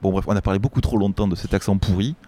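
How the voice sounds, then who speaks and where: A man's voice: deep voice, steady tone, rapid-fire, dark tone. A man hosting a film review show, chatting casually in an indignant, rambling way with many restarts. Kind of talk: casual chat.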